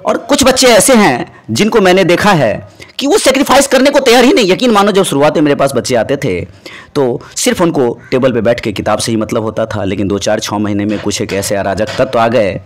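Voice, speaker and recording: A man teaching civil services exam students in a motivational lesson, talking to them directly and mixing in English phrases. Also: fairly quick. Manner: animated, lively rises and drops in pitch and loudness.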